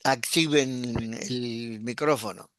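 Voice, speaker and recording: A man, a pastor teaching an online class, explaining patiently and repeating words slowly. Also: medium pitch, fairly bright tone.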